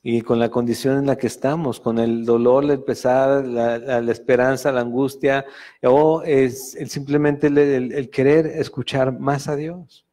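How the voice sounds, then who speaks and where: A man's voice: mid-range voice, warm tone. A man with a Mexican Spanish accent giving a Sunday Bible study sermon, speaking conversationally with frequent fillers and self-corrections. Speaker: pastor. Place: church meeting room.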